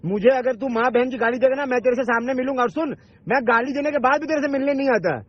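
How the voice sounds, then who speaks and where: An online video maker argues heatedly on a phone call, confrontational and insistent, swearing and repeating himself. He's a man with a very high, husky voice who talks fast, and the recorded call sounds dull and lo-fi.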